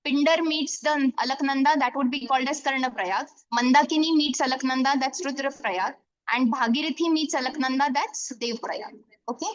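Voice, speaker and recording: A woman's voice: high-pitched, fairly even intonation, normal speed, dry recording, lo-fi sound. A woman with a North Indian accent teaching geography in an informal online lesson, mixing English and Hindi and often checking in as she explains. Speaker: geography teacher for exam coaching. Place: online class over screen share.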